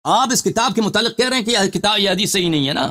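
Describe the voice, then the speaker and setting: A man's voice: sits high, animated, pushed and bright. A man hosting a live call-in show as a religious scholar, debating a caller heatedly and pressing the same question again and again.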